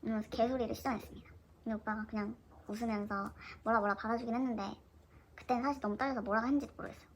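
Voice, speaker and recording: A woman's voice: on the high side, very fast, a little hiss or hum, low-quality recording. Chatty young woman telling a story. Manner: chatty, animated retelling of her own story. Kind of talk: casual storytime narration.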